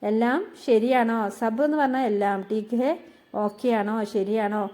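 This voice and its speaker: A language teacher gives a patient, slow spoken-language lesson, saying each phrase before explaining it. Her voice is fairly high yet soft and mellow, and she stays calm and unhurried throughout.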